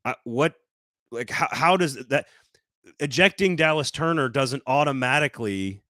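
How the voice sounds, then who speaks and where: An animated man argues his case on a sports talk show, often stopping and restarting mid-thought. His voice sits in a middle pitch, recorded close and dry. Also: no echo. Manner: animated, talks in quick restarts. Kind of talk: casual sports debate.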